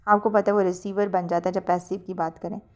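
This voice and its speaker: A woman's voice: lowish voice, level tone, fairly quick. Woman tutor going through exam answers. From Pakistan. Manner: mixes English into Urdu, corrects herself.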